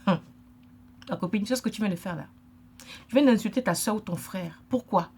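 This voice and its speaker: A woman's voice: medium pitch, fairly quick, warm tone, slight background noise. A middle-aged woman from Africa, giving an emphatic, lecturing vlog monologue and repeating her points. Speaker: vlogger.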